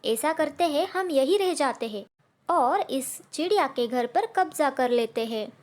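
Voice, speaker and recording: A selfish female crow from a cartoon story speaks in a high, sharp, bossy voice, as a woman reads her part. Her tone stays pushy and scheming. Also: lively intonation, unhurried.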